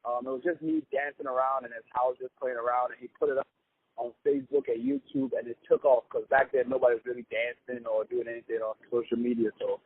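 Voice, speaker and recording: Young man from Ghana, easygoing comedian guest, gravelly husky voice, tinny phone sound. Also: mid-range voice, expressive, fast talker. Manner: easygoing, upbeat, chatty with fillers. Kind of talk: casual interview.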